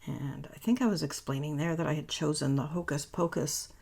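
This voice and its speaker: A woman hosts a casual papercraft tutorial voice-over, rambling and chatty and often correcting herself. Her deep voice is raspy and worn after a long day of talking, with heavy gravelly fry and a husky edge. She speaks a little fast, with a darkish tone.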